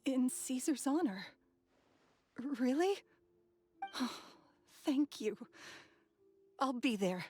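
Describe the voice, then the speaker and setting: A woman playing a gentle, sincere young woman in mourning in a video game, soft and hesitant. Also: sits high, animated, extremely slow, long pauses, exaggerated voice. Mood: touched. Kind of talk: video game character acting.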